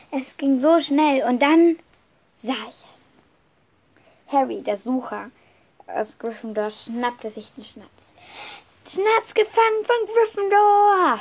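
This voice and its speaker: A woman with a slightly high voice tells a first-person story off the cuff. She speaks in a lively way, often restarting and correcting herself mid-sentence.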